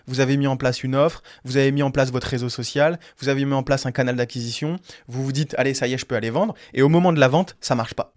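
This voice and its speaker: A man giving business advice in a video, blunt and direct, addressing the viewer and swearing casually. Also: medium pitch. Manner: speaks straight to the viewer. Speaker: business coach.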